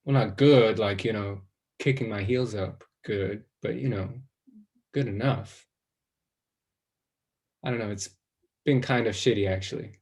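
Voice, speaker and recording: An actor playing an anxious, self-conscious young man who rambles, stalls and trails off into quiet self-doubt in a stage play. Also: lowish voice, unhurried, long pauses. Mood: rambling, ashamed.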